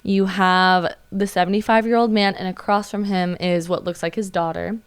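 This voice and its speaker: Smooth-voiced young woman telling stories. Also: mid-range voice, fairly even intonation, normal speed. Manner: chatty storyteller with many fillers and likes. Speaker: podcast guest, waitress. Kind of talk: casual podcast chat, storytelling.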